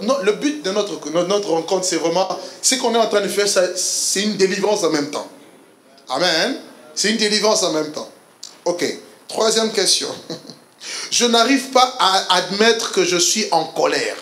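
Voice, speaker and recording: A man leads a church seminar with a high, bouncing voice that swoops up and down as he quizzes the room. He jokes and laughs with his listeners, and his words ring out in an echoey church hall. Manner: animated, quizzes the audience with laughter. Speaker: speaker leading a couples seminar. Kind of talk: interactive church teaching.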